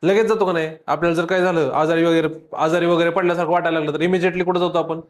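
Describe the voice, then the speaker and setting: Lively teacher quizzing a class. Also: male voice, a little high, racing. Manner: lively, quizzing pupils with repeated questions and playful teasing.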